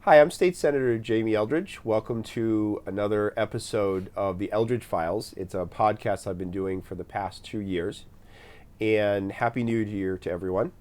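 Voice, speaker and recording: A man hosting an interview podcast, asking questions in a halting way and often repeating his words. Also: on the low side, a little mellow. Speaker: podcast host, state senator.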